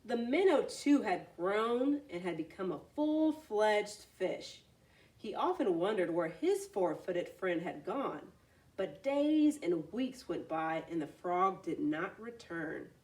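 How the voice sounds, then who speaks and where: Reading to children, a woman storyteller uses a very lively, swinging intonation and a mid-range voice, taking things slowly. She blends the narration with simple explanatory asides, and she sits a little distant from the mic.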